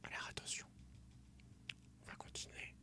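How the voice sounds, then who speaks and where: A young man whispering ASMR game commentary softly and close, right in the listener's ear. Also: normal speed. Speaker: game streamer. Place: small room at home, indoors.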